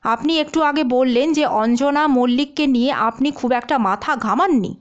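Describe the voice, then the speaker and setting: A woman voicing a sharp male police chief who asks probing, clipped questions. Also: sits high, normal speed, highs cut off, close to an everyday voice.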